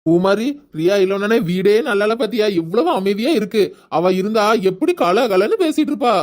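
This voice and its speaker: A woman's voice: mid-range voice, animated, moderate pace, a little mellow, close to an everyday voice. A woman voicing a caring, anxious older mother in a cartoon, with a Tirunelveli Tamil accent, soothing and chatty.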